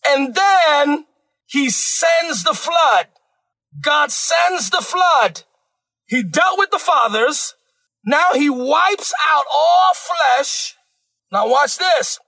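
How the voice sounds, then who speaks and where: A male preacher gives a fiery sermon, shouting with fervent, animated energy as he poses questions and answers them himself. His voice is very high-pitched, and the recording quality is low.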